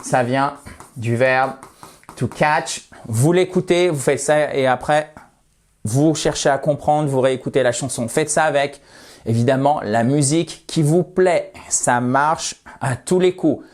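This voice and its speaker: Talking straight to his online audience, a native speaker gives an English lesson at a measured pace and medium pitch. He keeps the energy lively and frequently checks in with viewers.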